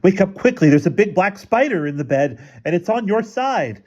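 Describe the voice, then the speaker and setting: A man's voice: sits high, expressive, moderate pace, a little mellow, lo-fi sound, pitched above the performer's own voice. A man voicing a mischievous little girl in a storybook, with scary urgency. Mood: urgent. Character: mischievous little girl scaring her twin sister.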